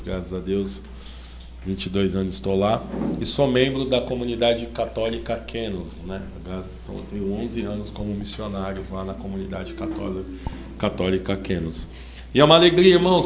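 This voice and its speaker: A man giving a sermon to a congregation, who starts with slow prayer and grows more fervent as he preaches. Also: fairly low pitch, background noise. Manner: prays slowly, then preaches with rising fervor. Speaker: lay preacher. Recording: echoey room with faint ambience.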